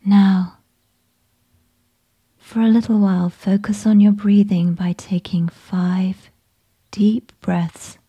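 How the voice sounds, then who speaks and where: A woman whispering a slow, soothing guided meditation with gentle instructions. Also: mid-range voice, little pitch movement, husky, highs cut off.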